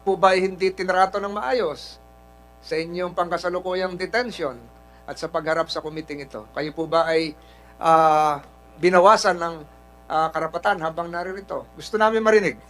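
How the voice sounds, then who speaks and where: A man's voice: high-pitched, steady tone, normal speed, a bit bright, soft background music, poor audio. A Filipino man chairing a hearing committee, speaking formally and politely, with frequent hesitations.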